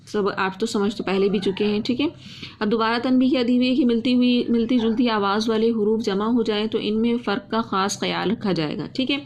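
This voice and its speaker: A woman teaching Quran reading, who drags out each word twice in slow recitation, then explains quickly, asking and answering her own questions. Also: on the high side, fairly even intonation, a little mellow, highs cut off, a little hiss or hum.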